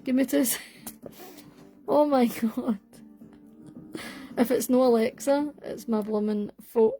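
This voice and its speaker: Chatting with viewers over a phone microphone, a young Scottish livestream host speaks from home with a Scottish accent, rambling through fillers and self-corrections. Her voice is a little high, slow and dark-toned, with faint music behind her.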